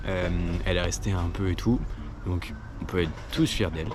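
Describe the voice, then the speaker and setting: Low-voiced man in a casual debrief. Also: moderate pace, background noise. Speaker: vlogger.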